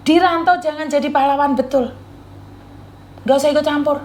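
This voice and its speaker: A woman's voice: high voice, fairly even intonation, moderate pace, darkish tone. A woman host, sternly lecturing her audience and repeating warnings. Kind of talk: lecturing live chat.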